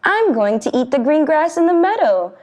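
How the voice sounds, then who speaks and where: A woman's voice: high voice, very animated, normal speed, pitched above the performer's own voice. A woman playing a small clever billy goat. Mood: pleading. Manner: bright, pleading when scared. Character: small clever male goat, youngest brother.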